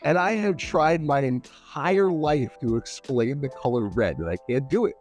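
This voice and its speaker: A man's voice: medium pitch, expressive, normal speed, a little mellow, faint music behind. A man chatting as a podcast guest, eager and full of restarts and filler words. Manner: enthusiastic, many "like" fillers and restarts. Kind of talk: casual chat.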